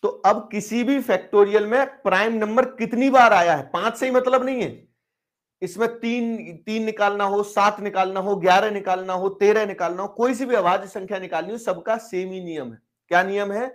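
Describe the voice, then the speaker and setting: A man's voice: high voice, moderate pace. A man teaching a live online math class, coaxing and quizzing his students as he explains. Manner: coaxing, quizzing students, switching between Hindi and English terms.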